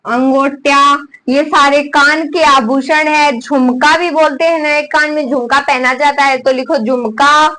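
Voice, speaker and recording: Lady teacher, high voice, goes slow, repeats stuff, asks questions then answers them herself. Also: fairly even intonation, pushed and bright, low-quality recording. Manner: repeats items for students to write down. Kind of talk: classroom lesson dictating notes.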